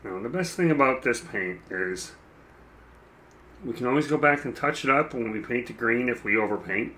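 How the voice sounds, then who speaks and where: Man, casual rambling chat, dry throat, plain mid pitch, faint hum behind. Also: animated, normal speed, bright, forceful tone. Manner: rambling, self-deprecating, stops to clear his throat. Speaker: mini painting streamer. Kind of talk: casual chat while painting.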